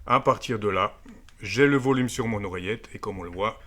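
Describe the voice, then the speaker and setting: An amateur radio video presenter, a man with a fairly low, slightly bright voice, talks at a normal speed. He walks through a gadget in a casual, hands-on demo, explaining each step and sprinkling in frequent tag words.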